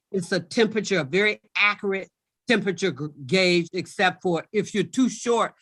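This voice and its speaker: A woman's voice: lowish voice, fairly bright tone, no echo. A woman speaking as a village manager, explaining things informally and emphatically at a public meeting, often repeating herself.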